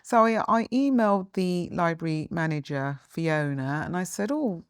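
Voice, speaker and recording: A woman's voice: lowish voice, animated, normal speed, clear, resonant tone, no room sound, clean studio sound. A woman with a London accent hosting a conversational interview. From London, England. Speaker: interviewer and host.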